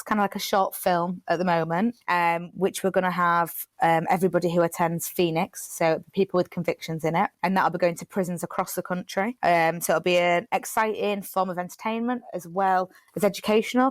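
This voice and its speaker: A woman's voice: lowish voice, steady tone, brisk, few pauses, no room sound. A young woman, a playwright chatting casually in an interview, rambling with lots of fillers and restarts. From Britain. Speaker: playwright and theatre director. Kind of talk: casual chat.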